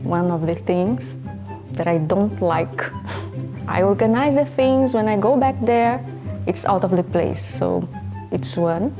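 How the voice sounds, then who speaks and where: A woman from Brazil, a talk show guest speaking haltingly. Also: medium pitch, expressive, over music. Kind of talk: casual talk show chat.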